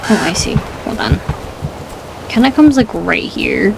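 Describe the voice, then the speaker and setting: A chatty woman talking through a horse-riding game in casual let's-play style, peppering her sentences with "like" and tripping over words now and then. Her voice sits at an ordinary middle pitch, and a steady hiss of background noise runs under it. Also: moderate pace, creaky. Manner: chatty, fills with "like". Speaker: gaming YouTuber.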